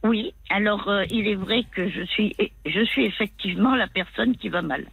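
Woman, 60s, caller, phone line, tinny and narrow, dry, halting, hesitant, many fillers. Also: mid-range voice, creaky, slightly rough, dry recording. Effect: phone line, caller heard over the phone. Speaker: caller to a radio advice show. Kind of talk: personal phone-in conversation.

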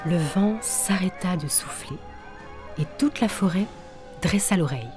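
A woman narrating a children's story in a gentle, measured way. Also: on the low side, music in the background.

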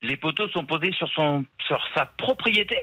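A man's voice: a little high, lively intonation, normal speed, sharp tone, rough recording. A man speaking over the phone as a town mayor, giving brief, matter-of-fact answers to a radio host. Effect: heard over the phone. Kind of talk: phone call into a radio show.

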